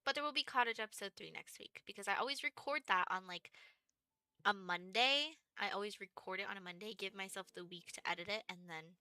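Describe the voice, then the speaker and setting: A woman's voice: mid-range voice, lively intonation, a little fast, pushed and bright, smooth, no room sound. A young woman from Texas in her twenties, chatting casually on a livestream and rambling with lots of "like" and "um". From Texas, USA. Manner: rambling, chatty, many fillers like "like" and "um". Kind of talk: casual stream chat.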